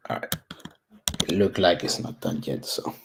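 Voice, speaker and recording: A tech YouTuber from Puerto Rico, with a thick Puerto Rican accent, talks through a coding build in a screen-recorded walkthrough, his low, creaky voice lively at a normal speed over a noisy background. He's casual and candid, thinking aloud with many ums and restarts.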